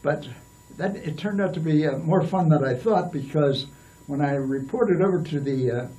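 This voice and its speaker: An older man recounts stories in an interview, his voice a little high but mellow. He wanders and restarts often. The mic sits some distance away. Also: moderate pace. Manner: rambling, with many restarts and fillers. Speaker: interview guest. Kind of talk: storytelling in a casual interview.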